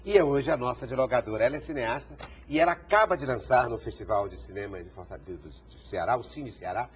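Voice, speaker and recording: A man of middle pitch hosts a TV interview show. He rambles, stumbling and repeating words as he talks. The broadcast sound is dull, with a faint hiss. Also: expressive, quick pace. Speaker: TV talk show host. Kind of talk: TV interview conversation.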